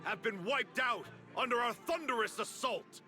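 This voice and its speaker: A man's voice: very high voice, expressive, moderate pace, bright, forceful tone, faint music behind, heavily acted. A man voicing a boastful military commander who rallies his troops in grand, declaiming video game dialogue. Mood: rousing.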